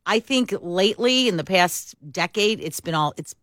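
Lady co-host, chatty, lively pitch, dry studio mic. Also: moderate pace, dry recording. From Chicago. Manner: chatty, opinionated. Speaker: radio co-host. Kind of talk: casual chat.

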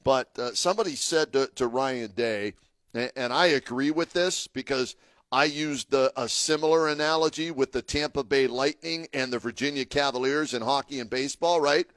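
On a sports talk radio show, this co-host chats casually before turning emphatic and heated while making his argument. His voice is medium in pitch and fairly bright, delivered at normal speed. There's no echo.

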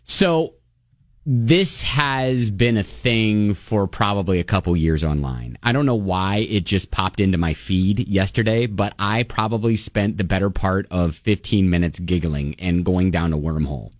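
A man's voice: low-pitched, a little slow, no echo, clean studio sound. A man co-hosting a radio show in casual chat, telling a story with frequent giggles.

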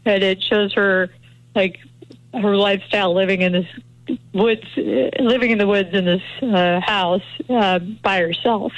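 A woman who works as a criminal defense attorney, speaking as a regular guest on a talk radio show in a chatty, animated way. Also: medium pitch, dry recording, muffled recording. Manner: chatty, animated, quick opinions.

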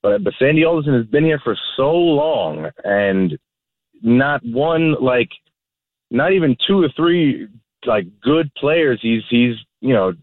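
A man calling a sports radio show over a phone line, talking casually in a halting, repetitive, exasperated way. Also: medium pitch, animated, no room sound. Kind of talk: casual sports fan talk. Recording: narrow, tinny phone line.

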